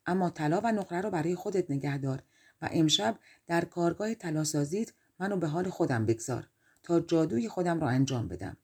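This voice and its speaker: A woman reads a fairy tale aloud for an audiobook. Her voice sits a little low and sounds mellow and slightly breathy. She tells the story calmly and voices every character herself. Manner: calm storytelling, reading all characters in her own voice. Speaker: audiobook narrator. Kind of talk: storybook narration.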